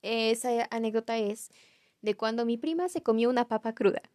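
A woman's voice: a little high, moderate pace, darkish tone, dry recording, clean studio sound. A young woman with a Mexican accent, casually telling a family story to viewers, chatty and self-mocking. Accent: Mexican Spanish. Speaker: vlogger.

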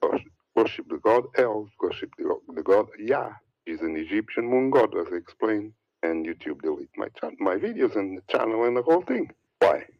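A religious commentator preaches a heated, rambling monologue, repeating words and lists and mocking others in a put-on high voice. His gravelly, sing-song voice moves at normal speed with few pauses, recorded lo-fi with no echo.

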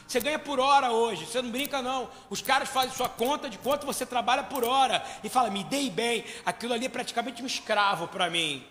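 A man preaching a sermon, questioning his congregation and swelling to shouts. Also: extremely high pitch, long reverb tail, a little hiss or hum. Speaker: pastor.

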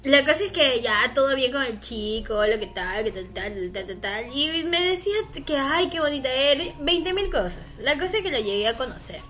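A woman, co-hosting a casual chat with teasing remarks, loud laughter and dramatic interjections. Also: high voice, lively intonation, normal speed, hardly any pauses, faint music behind.

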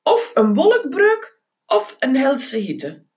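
A woman voicing a sluggish male rodent chauffeur with a drawling, unhurried way of talking. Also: sits high, huge pitch swings, pitched above the performer's own voice, exaggerated voice. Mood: knowing.

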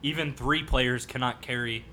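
A man's voice: medium pitch, steady tone, normal speed, bright, forceful tone. Man, podcast guest, argumentative ranter, noisy room. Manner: argumentative, rants. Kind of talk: casual chat.

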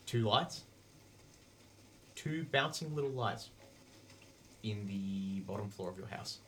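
A man's voice: fairly low pitch, animated, slow, a bit bright, a little hiss or hum. A man running a tabletop game as game master, narrating in a loose, rambling way full of fillers. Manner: rambling, filler-heavy, profane.

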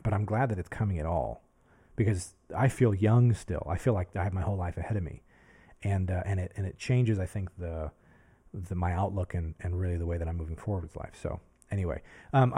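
A man's voice: on the low side, mellow. A man in his thirties talking to a camera for his podcast, musing and self-searching with many restarts and fillers. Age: 30s. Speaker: podcast host. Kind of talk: casual reflective monologue to camera.

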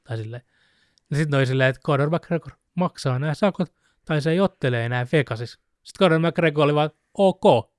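A man casually chatting on a podcast, telling a story with animated retellings. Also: fairly high pitch, dry recording, studio quality. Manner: animated storyteller, mimics shouting with laughs. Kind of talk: casual chat about fighting sports.

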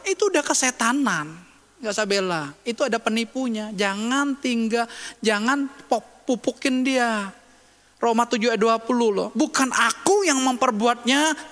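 A man's voice: sits high, sharp tone, long reverb tail. A man preaching a sermon as pastor, talking emphatically in a conversational way and asking rhetorical questions.

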